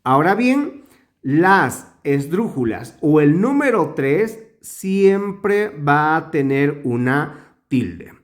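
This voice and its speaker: Guy teaching a grammar lesson, slow and careful, voice bounces up and down a lot, stretches words out to show stress. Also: fairly high pitch, sing-song.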